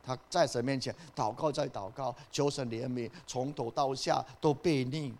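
A man preaching a sermon. He moves from soft asides to loud, rising emphasis, and he asks the listeners questions and then answers them himself. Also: mid-range voice, normal speed. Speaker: pastor.

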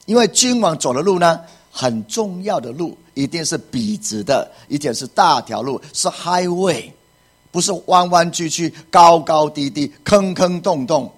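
A man's voice: a little high, expressive, a little slow. A man preaching a sermon as pastor, emphatic, with repeated phrases and rhetorical questions.

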